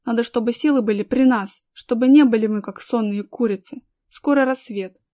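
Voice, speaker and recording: A woman voicing a gruff homeless man who urgently orders the boys around, in a storybook reading. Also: a little high, normal speed, mellow, no room sound, clean studio sound, close to an everyday voice.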